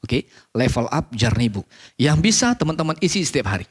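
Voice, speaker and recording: A man's voice: medium pitch, a little fast, husky. A man teaching a public speaking course, often asking questions and answering them himself, repeating key phrases for emphasis. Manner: animated, asks and answers his own questions. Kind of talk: online course lesson.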